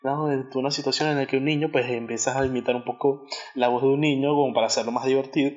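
A man's voice: mid-range voice, steady tone, fast talker, darkish tone. Man explaining, dull lo-fi recording. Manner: explanatory, with frequent restarts and fillers. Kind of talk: casual chat.

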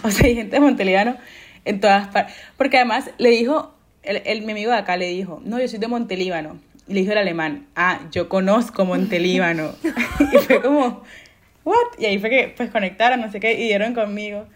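A woman's voice: medium pitch, fast. A young woman, hosting a casual podcast chat, telling stories loosely and laughing often. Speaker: podcast host.

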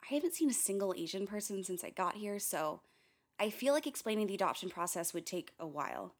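A woman plays a young filmmaker narrating a radio play, confiding, candid, wry and uneasy, wandering into tangents and swearing. Her medium-pitched voice is sing-song and brisk, with music behind it.

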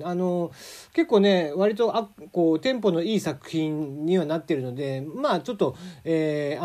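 A lively, chatty man with a southern Japanese lilt hosts a casual solo radio talk. He comes from Kagoshima, Japan, and his accent blends Kagoshima and Hakata dialect. Fillers pepper his speech, and his pitch swings animatedly.

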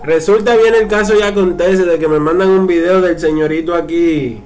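Teasing Dominican co-host, higher voice. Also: male voice, normal speed, darkish tone. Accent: Dominican Spanish. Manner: teasing, laid-back banter. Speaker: podcast co-host. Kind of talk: casual chat.

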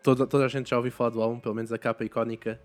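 A man's voice: mid-range voice, flat delivery, racing. A young man with a European Portuguese accent, chatting casually as a podcast host and rambling with many restarts. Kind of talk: casual chat.

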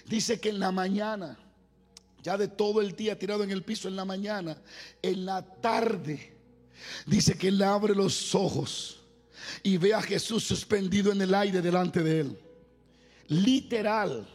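A man preaching a sermon in a large church hall, telling stories with passion and rising to loud exclamations. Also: high voice, measured pace. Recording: reverberant hall with faint music.

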